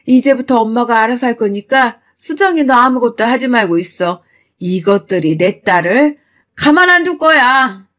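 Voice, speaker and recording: Brief: fierce middle-aged mother, voiced by a woman; loud and protective, slightly high. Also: measured pace, close to an everyday voice. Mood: angry.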